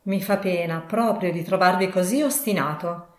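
A cheerful, patient young man, as a woman reader puts him on, pleading with good humour and rising brightly at times. The audiobook reading carries a roomy echo. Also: on the low side, moderate pace, lightly acted.

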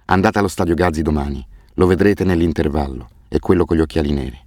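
A man voicing a weary, guilt-ridden orphanage director who speaks haltingly and turns bitterly defensive. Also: rumbling low, a little mellow, no room sound, clean studio sound. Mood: tired.

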